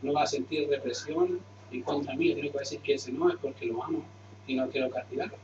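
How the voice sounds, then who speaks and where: A man's voice: medium pitch, fairly quick, background noise. A man preaching a conversational sermon as a pastor, asking and answering his own questions, then closing in prayer. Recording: roomy, distant, muffled sound.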